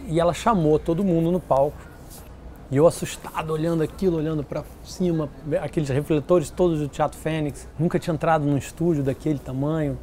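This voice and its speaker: A man telling stories in an interview, lively and acting out what others said. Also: on the high side, fairly quick, slight background noise. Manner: animated, acts out quoted voices. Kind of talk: casual storytelling interview.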